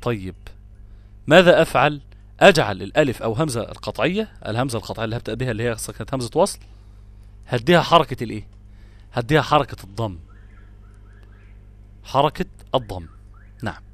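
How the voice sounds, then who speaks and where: A man's voice: medium pitch, expressive, fast, pauses often, no echo. A man with an Egyptian Arabic accent teaching tajweed, stressing example words and asking and answering his own questions. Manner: switches between classical Arabic and colloquial asides. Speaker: Quran recitation teacher. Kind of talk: tajweed lesson explaining grammar rules.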